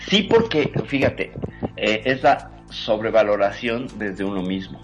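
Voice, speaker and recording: A man's voice: lowish voice, animated, unhurried. A man explaining ideas at length in a reflective, emphatic way, full of rhetorical questions. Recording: muffled audio with music underneath.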